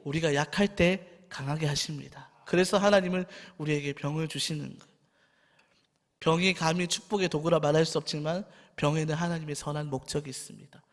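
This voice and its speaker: A man's voice: fairly high pitch, fairly even intonation, a little fast. A man preaching a sermon as a junior pastor, talking in an earnest, personal, pleading way. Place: church sanctuary. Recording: long church hall reverb with faint music.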